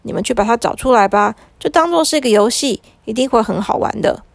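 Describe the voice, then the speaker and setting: A woman's voice: on the high side, expressive, fairly quick, vocal fry, dry recording. Woman voicing a breezy storybook magician. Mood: easygoing. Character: kindly male magician in cloak and tall hat.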